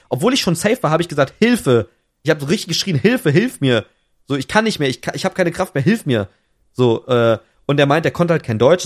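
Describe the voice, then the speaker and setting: Young male podcast co-host, slang-heavy storyteller, slightly high voice, lots of self-corrections. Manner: slangy, restless retelling with many restarts. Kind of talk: casual chat, storytelling.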